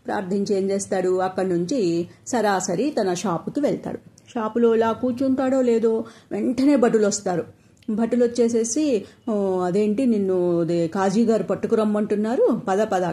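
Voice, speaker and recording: A woman telling a folk tale in a relaxed, unhurried way, speaking the characters' lines herself without much change of voice. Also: medium pitch. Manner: acts out each character's lines in quotes with little change of voice. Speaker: storyteller. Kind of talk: storytelling narration.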